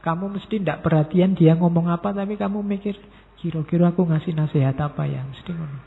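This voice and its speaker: Gravelly Javanese lecturer, tinny mosque hall. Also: male voice, a little high. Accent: Javanese-inflected Indonesian. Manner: talks straight to the audience, acts out quoted messages in different tones. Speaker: university lecturer giving a public lecture. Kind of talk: philosophy study lecture. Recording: tinny lo-fi sound in a reverberant hall.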